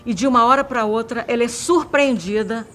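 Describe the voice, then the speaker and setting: Woman, doctor, documentary interview, higher voice, explanatory and hesitant, faint background noise. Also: brisk, a bit bright. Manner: hesitant, explanatory, uses vivid comparisons. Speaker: doctor interviewed on mental health.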